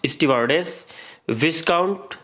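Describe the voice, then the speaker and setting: A man's voice: on the high side, expressive, a little slow, a bit bright. A man with an Indian accent teaching an exam-prep grammar lesson, reading out word pairs and drilling students to repeat them.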